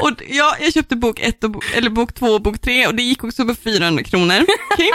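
A woman's voice: fairly high pitch, animated, fairly bright tone. A young woman, swearing freely and ranting with exasperation as she chats about books on a podcast. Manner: profane, exasperated ranting with laughter. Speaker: podcast co-host. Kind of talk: casual chat about books.

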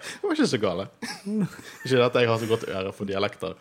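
A man's voice: fairly low pitch, a little hiss or hum. A man with a Bergen accent, hosting a podcast in casual chat, talkative and laughing often. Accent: Bergen Norwegian. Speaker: podcast host.

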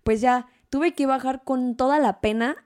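A young woman tells a story in casual conversation. Her voice sits a little high, and she keeps it animated, laughing often and acting out what people said. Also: measured pace. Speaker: guest.

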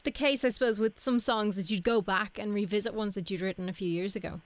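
A woman's voice: mid-range voice, fast, no echo. A woman asking questions as a casual interviewer.

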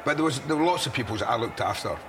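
Expressive and rapid-fire, this medium-pitched man in his sixties is an interview guest and ex-broadcaster sharing candid stories. He's earnest and frequently repeats words while gathering his thoughts, with city sounds audible at the outdoor location.

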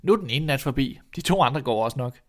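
A man's voice: mid-range voice, animated, lightly acted. A man voicing a fearless, cocky young lad in a storybook reading, answering boldly and cheekily. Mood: cheerful. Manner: bright, bold, cheeky replies.

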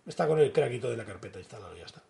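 A man's voice: mid-range voice, rapid-fire, creaky. A man, co-hosting a podcast and telling stories animatedly, acting out the dialogue. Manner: animated storyteller who acts out dialogue. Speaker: podcast co-host. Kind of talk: casual storytelling chat.

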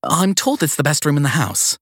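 A flustered young woman at a guesthouse desk, voiced by a male narrator, stammering and eager to please. Her voice sits high above his own, husky and dry, with quick nervous bursts. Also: lively intonation, a bit bright, no room sound, exaggerated voice. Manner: hesitant, stammering and apologetic. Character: flustered young woman receptionist, anxious and apologetic.

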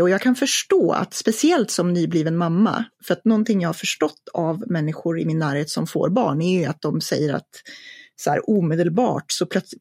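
Husky, hesitant woman in casual chat. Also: on the low side, a little mellow, no room sound, studio quality. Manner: thoughtful, hesitant, many fillers. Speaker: podcast co-host.

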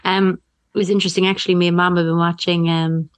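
Irish girl w braces lisp, lowish voice, close dry sound, just chatting on a podcast. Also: level tone, fast talker, no echo. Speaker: podcast co-host. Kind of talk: casual chat.

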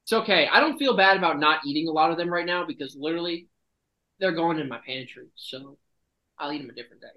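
A man's voice: on the high side, fast talker, pushed and bright, poor audio. A man hosting a casual podcast chat, brash and joking, swearing often, while feeling sick and nauseous. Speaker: podcast host.

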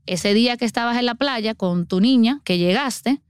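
A woman's voice: on the high side, normal speed, clear, resonant tone, no room sound, clean studio sound. A middle-aged woman, earnestly explaining child water safety as a guest on a podcast. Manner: earnest, explanatory, acts out everyday scenes.

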